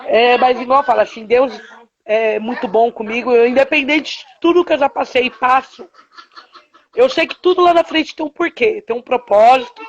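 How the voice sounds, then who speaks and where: A woman's voice: on the high side, normal speed, muffled recording. A woman telling her own story as a mother in a live stream interview, with hesitant fillers and quoted dialogue. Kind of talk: emotional personal testimony on a live stream.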